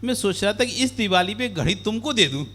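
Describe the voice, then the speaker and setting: A man's voice: sits high, expressive, a little fast, fairly bright tone. A man voicing a wealthy merchant in a sermon story, speaking in a sly, confiding way. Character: wealthy old merchant, brooding and scheming.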